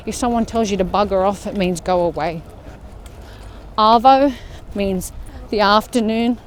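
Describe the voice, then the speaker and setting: An Australian woman talks her listeners through a walk in a casual, chatty way, sounding like she is moving outdoors. Her voice sits at an ordinary middle pitch, with faint outdoor sound in the background. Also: slight background noise. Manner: chatty, talking while walking outdoors. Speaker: fitness vlogger leading a walk. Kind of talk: casual walk-along chat. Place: outdoor park path.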